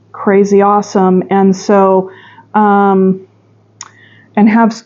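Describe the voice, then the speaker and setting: A woman's voice: mid-range voice, darkish tone, dull audio. A woman giving a pick-a-pile tarot reading, musing and chatty with sudden emphatic bursts. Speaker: tarot reader.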